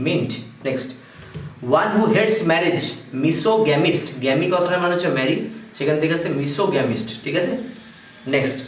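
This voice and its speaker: Bengali-accented guy teaching vocab, voice kinda high, sounds echoey and off mic. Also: distant mic. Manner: reads English definitions slowly, then explains briskly and quizzes. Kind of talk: exam-prep vocabulary lesson. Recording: echoey room, voice off-mic, faint hiss.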